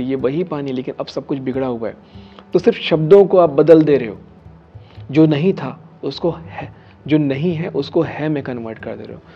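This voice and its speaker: Explaining a method earnestly to camera, this thirtysomething spiritual healer and host speaks in a slightly rough voice on the high side, raising it on key phrases and sinking to whispers at times. The lo-fi recording comes from a studio set with a dark curtain and a statue.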